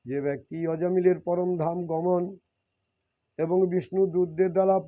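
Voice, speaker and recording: A man's voice: sits high, steady tone, normal speed. A man reading devotional scripture and explaining it, often repeating and rephrasing his points. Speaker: scripture reader and preacher. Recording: dull lo-fi recording.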